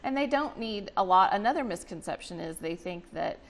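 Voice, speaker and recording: A woman's voice: mid-range voice, animated, brisk. A woman explaining things in a chatty, conversational way as an interview guest. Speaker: guest, representative of a volunteer reading charity.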